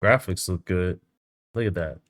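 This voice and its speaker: A man hosting a reaction video, chatting casually and excitably, swearing freely. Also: low-pitched, moderate pace, a little hiss or hum.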